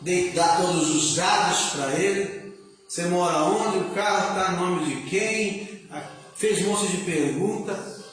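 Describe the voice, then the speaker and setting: A man preaching a sermon, telling a story in a chatty way, then rising into shouted, sung-out preaching. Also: high-pitched, measured pace, very echoey, in a large hall, recorded from a distance, soft background music, low-quality recording. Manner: conversational, peppers lines with "né?" and laughs. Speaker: pastor. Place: church.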